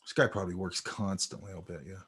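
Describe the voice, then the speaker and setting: A man teaching a sketching class in a relaxed, chatty way, telling stories while he points out details in drawings. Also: deep voice, fast talker, husky. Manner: animated, storytelling, talks over drawings. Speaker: art instructor. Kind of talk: casual teaching chat.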